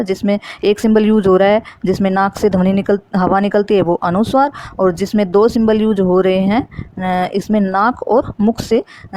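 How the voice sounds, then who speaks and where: A woman's voice: mid-range voice, mellow. A woman teaching a Hindi grammar lesson for exam preparation, explaining step by step and repeating key terms.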